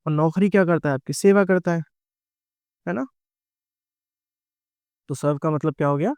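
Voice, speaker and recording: A middle-aged man with an Indian English accent, teaching English grammar to exam students. His voice is smooth and resonant, a little higher than most men's, and recorded close and dry. He explains patiently and asks the class questions that he answers himself. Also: moderate pace, a little mellow, no echo. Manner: explains patiently, checks in with "है ना" and "ठीक है" and calls students "बेटा". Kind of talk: exam-prep grammar lecture.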